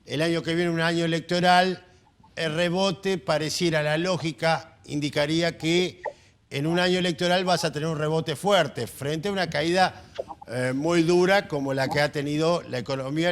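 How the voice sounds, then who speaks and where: A man's voice: fairly high pitch, normal speed. A man, hosting a panel and hesitantly framing a question while thinking aloud. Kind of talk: broadcast panel discussion.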